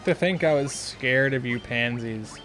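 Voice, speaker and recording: A man's voice: mid-range voice, measured pace, fairly bright tone, soft background music. A young man hosting a let's play, thinking aloud in casual, chatty commentary.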